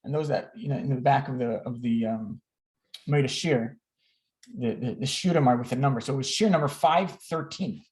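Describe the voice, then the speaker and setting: At a moderate pace and in a mid-range, slightly mellow voice, a man in his thirties speaks to a group on a video call at an online learning gathering. His talk is personal, candid and self-deprecating, and this first-language English speaker keeps repeating words and restarting.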